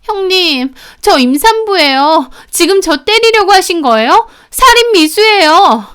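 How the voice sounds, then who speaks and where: A woman's voice: sits high, very animated, moderate pace, clean tone. A woman voicing a sly, needling young sister-in-law who speaks in a snide, taunting way.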